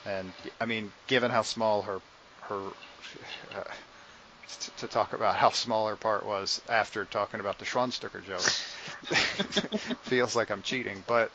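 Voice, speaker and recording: A man's voice: lowish voice, fairly even intonation, unhurried, pushed and bright, muffled recording, a little hiss or hum. A man co-hosting a podcast, talking casually in a rambling way with frequent restarts. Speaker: podcast co-host. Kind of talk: casual chat.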